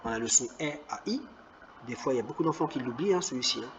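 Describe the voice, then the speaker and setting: A man teaching a reading lesson to children, sounding out words slowly and patiently, encouraging them as he goes. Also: medium pitch, lively intonation, dull audio, background noise. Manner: slow, clearly stressed word-by-word reading. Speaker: primary school teacher.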